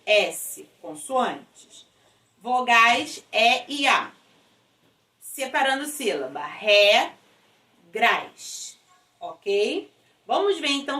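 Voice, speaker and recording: A patient woman teacher talks slowly and clearly, spelling out letters and syllables one by one. Her voice sits a little high. It sounds like a classroom recording, echoey and picked up from a distance. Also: pushed and bright. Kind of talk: recorded school lesson. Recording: echoey room, voice away from mic.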